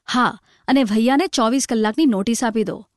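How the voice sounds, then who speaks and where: A woman's voice: a little high, moderate pace, dry recording, studio quality, lightly acted. A woman voicing a cold, arrogant male superintendent who gives curt orders. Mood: stern. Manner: curt, commanding.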